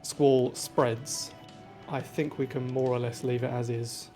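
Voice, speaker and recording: A man's voice: medium pitch, level tone, slow, dark tone, faint music behind. Man calling raid positions over voice chat. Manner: methodical, patient step-by-step calls. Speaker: raid leader.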